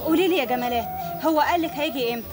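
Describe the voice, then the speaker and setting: An actress with an Egyptian accent playing a cheerful young daughter in a vintage TV drama. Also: female voice, high-pitched, very fast, over loud music, lightly acted. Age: young adult.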